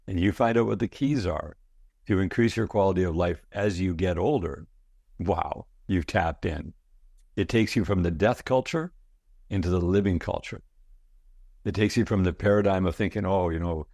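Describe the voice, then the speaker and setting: Low, gravelly man in his sixties. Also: normal speed, a little mellow, no echo, clean studio sound. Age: 60s. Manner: enthusiastic, storytelling, repeats words. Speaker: guest, product founder. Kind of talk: casual interview talk.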